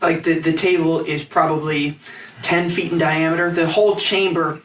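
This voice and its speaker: Halting game master, echoey and off mic. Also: male voice, on the high side, little pitch movement, a bit bright, distant mic, a little hiss or hum. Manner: halting, rambling descriptions with many restarts. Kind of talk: narrating a tabletop game.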